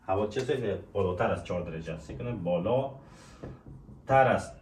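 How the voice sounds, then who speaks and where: Brief: male language teacher, slow repetitive drilling, lowish voice, distant mic in an echoey room. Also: lively intonation, a little mellow, a little hiss or hum. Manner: repeats each word slowly, asks and answers his own questions. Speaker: French teacher. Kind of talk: language lesson.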